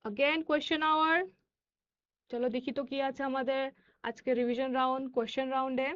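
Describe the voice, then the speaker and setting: A woman English teacher with a Bengali accent and Bengali as her first language, teaching children, reading words slowly and deliberately with quicker asides. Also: sits high, steady tone, fairly bright tone, muffled recording. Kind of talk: classroom lesson for children.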